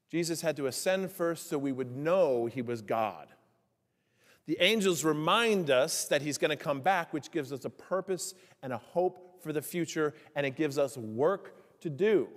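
Guy pastor preaching, kinda high voice, lots of questions to the pews, big echoey church. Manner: asks the congregation many rhetorical questions; slows down to stress key phrases. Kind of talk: sermon. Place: church sanctuary. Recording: long church reverb.

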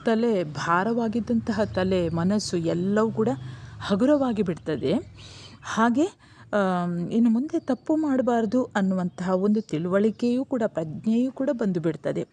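A woman's voice: mid-range voice, expressive, measured pace, a little mellow. A middle-aged woman teacher explaining a poem in a lecture, repeating and rephrasing her points.

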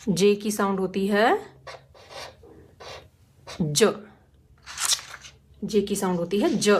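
A woman's voice: medium pitch, slight background noise. A woman teaching phonics, explaining each letter patiently and demonstrating its sound again and again. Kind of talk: slow, careful phonics lesson.

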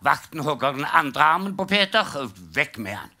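A man's voice: a little high, sing-song, vocal fry, sharp tone. An older man doing a live stand-up routine, telling jokes in a dry storytelling way and acting out the punchlines. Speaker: stand-up comedian. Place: live comedy stage.

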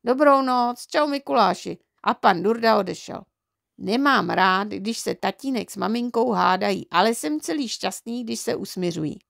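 A woman reading a children's book aloud as an audiobook in lively storytelling. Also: mid-range voice, vocal fry, dry recording, studio quality. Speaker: audiobook reader.

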